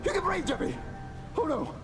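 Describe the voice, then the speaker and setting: A man's voice: very high-pitched, very animated, moderate pace, loud music behind the voice, full character voice. A man voicing a flustered, easily annoyed puppet-show dad who stammers in a frantic rush. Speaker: cartoonish father in a comedy clip.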